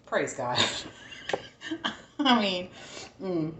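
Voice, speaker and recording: This Southern American home cook has a lowish voice and talks casually while she cooks in her home kitchen, thinking aloud in vlog style. There's a roomy sound to the recording along with background noise.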